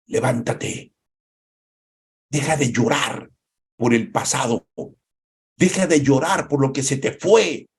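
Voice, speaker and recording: A man's voice: medium pitch, lively intonation, takes it slowly, pauses often, slightly rough, exaggerated voice. A man preaching, voicing God as He firmly orders a mourner to get up and stop crying. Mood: commanding. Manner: firm, commanding. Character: God commanding a grieving man to rise.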